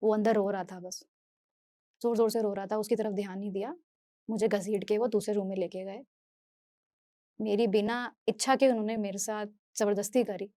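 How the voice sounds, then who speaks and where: A woman from Delhi giving an earnest, halting first-person testimony as a speaker, often restarting and repeating her phrases. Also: medium pitch, fairly even intonation, dark tone, no room sound, studio quality. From Delhi, India. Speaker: speaker sharing a personal story.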